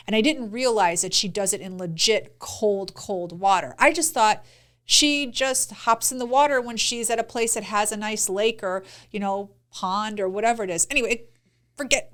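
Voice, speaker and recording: A woman's voice: medium pitch, a bit bright. A woman co-hosting a podcast, telling a travel story in casual chat and teasing her husband. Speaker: podcast co-host.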